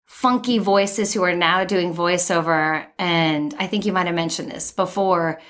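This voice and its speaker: A middle-aged woman and voice actor chatting casually, with a sweet, smooth voice and crisp enunciation. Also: fairly low pitch, unhurried, fairly bright tone. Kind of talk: casual chat.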